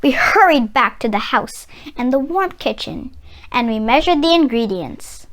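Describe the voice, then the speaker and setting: A woman's voice: fairly high pitch, expressive, a bit bright. A woman narrating a children's storybook expressively, with dramatic emphasis. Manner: dramatic, drawn-out emphasis on sound words. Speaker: children's read-aloud narrator.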